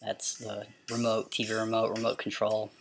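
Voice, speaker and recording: An amateur vlogger with a mid-pitched, androgynous voice, speaking casually and stumbling now and then over words. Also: monotone, slight background noise. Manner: halting, stumbles over words and repeats them when reading. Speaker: amateur video blogger. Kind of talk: casual question-and-answer vlog with some read-aloud passages.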